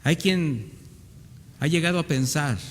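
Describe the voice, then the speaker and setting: A man's voice: on the high side, unhurried. A male pastor, delivering an earnest sermon in church and acting out the voices of doubting believers. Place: church hall. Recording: reverberant church hall, faint background noise.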